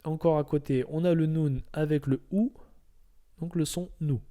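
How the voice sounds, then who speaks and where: A man with a fairly high, steady, dark-toned voice, speaking at normal speed, teaches Arabic reading in a step-by-step lesson. He is patient and repetitive, going over each step again and checking on listeners with "d'accord?".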